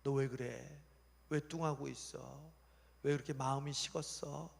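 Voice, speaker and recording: A man voicing God as a doting, overjoyed heavenly father who coaxes gently, in a reverberant church hall. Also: mid-range voice, fairly even intonation, unhurried, creaky. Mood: gentle, coaxing. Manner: exclaiming proudly, then coaxing gently.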